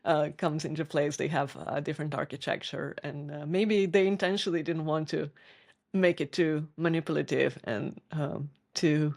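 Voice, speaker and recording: A woman's voice: deep voice, moderate pace, darkish tone. A woman co-hosting a casual podcast, talking thoughtfully with frequent restarts and small laughs. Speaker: podcast co-host.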